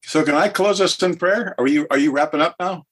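A man's voice: on the high side, a little fast, a bit bright, breathy edge. An older man speaking as a podcast guest, earnest and heartfelt, talking openly about faith. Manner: earnest, heartfelt, emotionally open. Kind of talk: podcast interview.

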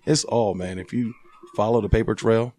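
A man's voice: lowish voice, moderate pace. A man in his forties from Liberia, a boxing gym owner telling stories in a casual interview and laughing often, recorded in a gym. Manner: laughing, animated storyteller.

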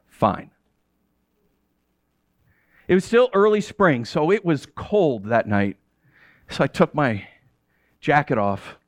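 A male pastor delivering a dramatic first-person sermon, telling the story in character and swinging between hushed and exasperated. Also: a little high, big pitch swings, slow pace, pauses often, dry recording, studio quality. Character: the apostle Peter telling his own story.

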